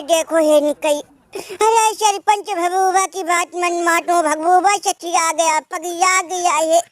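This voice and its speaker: A man's voice: extremely high pitch, dry recording. A man voicing a wailing, self-pitying rustic village man, in a comic cartoon voice full of sing-song laments and earthy slang.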